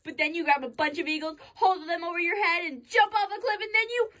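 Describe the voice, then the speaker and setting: A woman playing a hyper, cocky, stunt-loving daredevil in a children's comedy skit, boasting excitably with swooping emphasis. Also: very high voice, fast talker, raised voice. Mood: pumped up.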